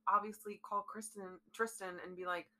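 A young woman co-hosting a casual chat, animated, getting worked up and restarting her thoughts. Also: medium pitch, normal speed, rough recording. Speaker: podcast co-host.

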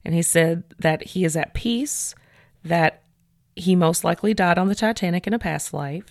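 Woman, podcast host, lowish pitch, dry close sound, chatty storytelling. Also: normal speed, dry recording. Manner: chatty, animated, many "like" fillers. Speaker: podcast host retelling a case. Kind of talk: casual storytelling chat.

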